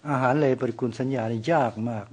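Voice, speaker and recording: Husky man asking eager questions. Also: mid-range voice, fairly even intonation, fast talker, darkish tone. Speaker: ordained monk asking questions.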